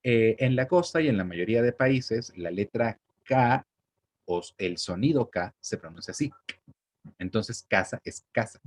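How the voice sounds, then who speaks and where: A man's voice: fairly low pitch, lively intonation, unhurried. A young man, explaining spelling in a patient, conversational way and checking that the listener follows. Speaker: teacher. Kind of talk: spelling lesson.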